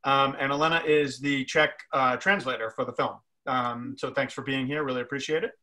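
A middle-aged man hosting a live video-call interview, introducing guests with halting, hesitant phrasing. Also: medium pitch, steady tone, bright, forceful tone, slight background noise. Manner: halting, many fillers and restarts. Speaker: festival program director, host. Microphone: webcam on video call.

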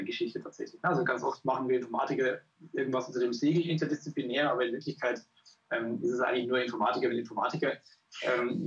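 A young adult man who is a computer scientist, explaining his work in a chatty way on a video call. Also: mid-range voice. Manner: chatty, often adds tag questions. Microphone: earphones with a mic on a video call. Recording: dull lo-fi call audio.

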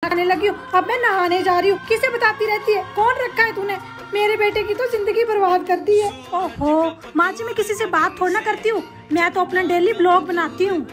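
A woman's voice: very high-pitched, fairly even intonation, a little fast, a bit bright. A woman acting both a scolding mother-in-law and a pleading daughter-in-law in a homemade skit. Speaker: skit performer. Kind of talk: homemade family skit acting all roles. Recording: clear background music.

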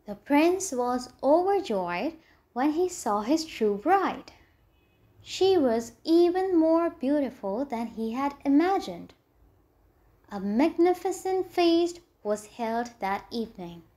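A woman reads a fairy tale aloud, slowly and deliberately. Her voice sits high, and each phrase is carefully paced. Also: sing-song, warm tone. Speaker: narrator. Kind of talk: storybook read-aloud.

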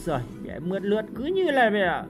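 A woman commentating on her own gameplay, excitable and full of loud, repeated exclamations. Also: medium pitch, fast talker. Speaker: game streamer. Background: game music and sound effects.

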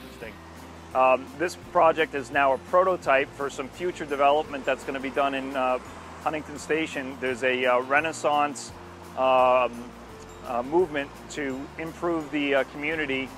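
Standing at a street corner near a station, an older landscape company presenter gives an unscripted, halting explanation to camera, with music in the background of the outdoor recording. His voice is mid-range, fairly bright and fairly even in intonation.

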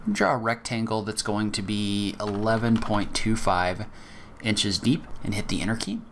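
A man with a very low voice walks through a software tutorial step by step in a screen recording, methodical and casual with the occasional filler. He speaks at a moderate pace, with slight background noise and faint keyboard typing behind him.

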